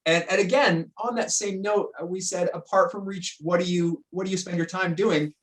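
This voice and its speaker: A man's voice: high voice, steady tone, normal speed. A man hosting a casual online interview, chatty and jokey, often restarting his sentences. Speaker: interview host.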